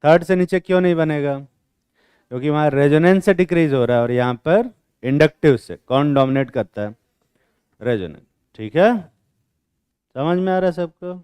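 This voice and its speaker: A man's voice: a little high, moderate pace, pauses often, darkish tone, no echo. Blunt, teasing male chemistry teacher. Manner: blunt, teasing, quizzes students with rough slang. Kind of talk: classroom lecture with questioning. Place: classroom with students.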